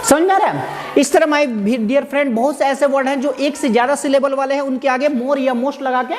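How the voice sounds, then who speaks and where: A man teaching grammar, who asks his students rhetorical questions and answers them himself, and repeats and spells out words slowly. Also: very high-pitched. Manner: slow, repetitive explaining with spelled-out words. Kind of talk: explaining lesson to students. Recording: echoey room with faint background noise.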